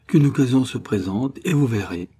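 A man's voice: mid-range voice, expressive, moderate pace, dark tone, breathy edge, voice pushed up. A man voicing a proud, cocky teenage boy forester with a mocking manner, in a storybook reading.

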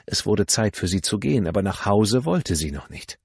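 A man reading a novel aloud as an audiobook narrator, in a calm, measured way. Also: on the low side, vocal fry, husky, no echo, clean studio sound. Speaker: audiobook reader.

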